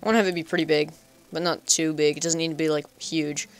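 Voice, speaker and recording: A man's voice: a little high, level tone, fast talker, clear, resonant tone. A man giving casual, chatty let's play commentary, talking to himself playfully and making up goofy nicknames for animals. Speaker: gaming channel host.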